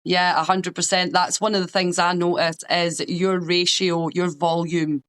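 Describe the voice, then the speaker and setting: A man's voice: sits high, flat delivery, unhurried, fairly bright tone, clear, resonant tone. A man interviewing a fighter in a casual chat, agreeing often and asking open questions. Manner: agreeable, frequent "yeah", "a hundred percent".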